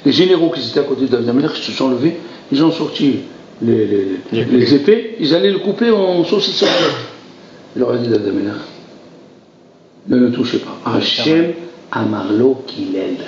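Animated rabbi teaching in a roomy hall. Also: male voice, mid-range voice, slight background noise. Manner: animated, theatrical, acts out dialogues, exclaims "aïe aïe". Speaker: rabbi teaching a Torah class. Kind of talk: lively French Torah lesson. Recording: roomy lo-fi recording with faint ambience.

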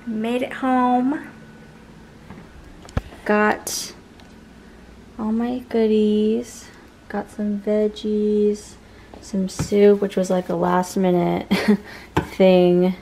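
A lifestyle vlogger in her twenties chats casually from her car, a grocery store and her kitchen, sounding a little wry and tired. Her medium-pitched voice is mellow, barely moves in pitch, and comes out extremely slowly with frequent pauses. Shot on a handheld camera close to her face, the clip has background music and slight background noise.

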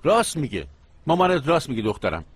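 A jovial middle-aged dad. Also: male voice, mid-range voice, very animated, slightly rough. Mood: soothing. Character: good-humored middle-aged father, shopkeeper's husband. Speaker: father. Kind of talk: Persian dubbing of a TV series.

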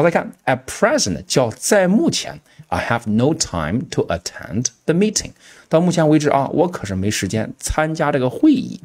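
Lively, husky male teacher. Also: mid-range voice. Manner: animated, keeps addressing the students. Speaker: English teacher. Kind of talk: online pronunciation lesson.

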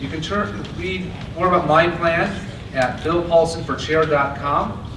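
Minnesota guy at a convention podium, earnest campaign pitch, roomy hall, audible hiss behind him. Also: a little slow. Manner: earnest, steady delivery with occasional restarts. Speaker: party chair candidate. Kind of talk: convention stump speech. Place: large convention hall, indoors. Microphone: podium mic on stand. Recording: echoey hall from a far camera with noise.

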